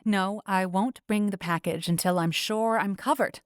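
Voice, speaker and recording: A woman voicing a calm, evasive female agent bluffing her way through in an audiobook. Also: medium pitch, normal speed, no room sound, clean studio sound, natural voice. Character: cool-headed woman agent bluffing undercover.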